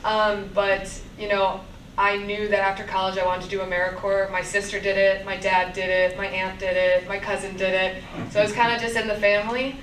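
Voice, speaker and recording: A woman's voice: medium pitch, little pitch movement, a little fast, a bit bright. A young woman in her twenties from Buffalo, New York introducing herself in a breezy, friendly way. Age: 20s. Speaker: AmeriCorps volunteer. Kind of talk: casual self-introduction. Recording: echoey room, distant mic, background noise.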